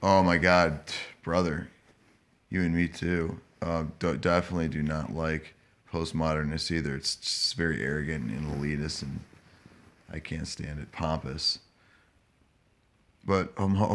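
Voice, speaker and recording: A man chatting casually to live viewers in a stoned, hazy, halting, rambling manner. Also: very deep voice, gravelly. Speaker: live-streaming vlogger.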